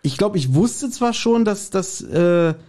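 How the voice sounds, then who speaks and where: Warm and high-pitched, the host's voice rises and falls in lively fashion while keeping a slow pace. The talk is a relaxed podcast chat where he retells and reviews an audio drama's story.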